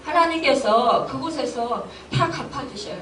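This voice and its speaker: A woman's voice: high-pitched, expressive, measured pace, fairly bright tone, a little hiss or hum. A woman pastor delivering a Sunday sermon, earnest and emotional, often acting out her own inner voice with rising exclamations. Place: church hall. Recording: echoey church from a distant mic.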